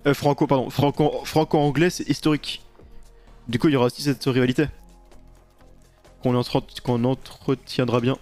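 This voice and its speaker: A man's voice: medium pitch, fairly even intonation, moderate pace, long pauses, a little mellow, soft background music. A man streaming a video game, chatting casually and rambling while answering chat questions, close to the mic. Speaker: gaming streamer.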